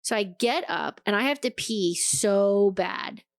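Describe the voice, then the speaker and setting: A woman co-hosting a podcast tells a story in loose, casual chat. She is animated and swears freely, acting out the lines of the people in it. Her voice sits at an ordinary pitch, close on the mic in a dry room. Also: measured pace, no echo. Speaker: podcast co-host.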